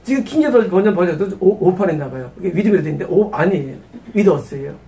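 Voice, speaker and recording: A man's voice: high voice, animated, fast, vocal fry, dark tone, distant mic. A man preaching an expository sermon as pastor. He asks rhetorical questions and acts out Moses and God.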